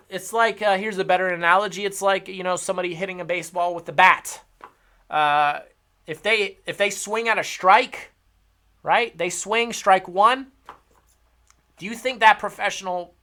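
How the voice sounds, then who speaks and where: A man teaching trading in a blunt, heavily profane casual rant, swinging between loud emphasis and low muttered asides. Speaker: trading educator. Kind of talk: casual unscripted rant to camera.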